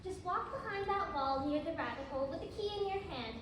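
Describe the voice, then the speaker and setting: A young woman playing a gentle, wise cat in a school stage play. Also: high voice, lively intonation, fairly quick. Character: calm, gentle wise cat, a girl's friend. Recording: echoey hall from far off, noisy.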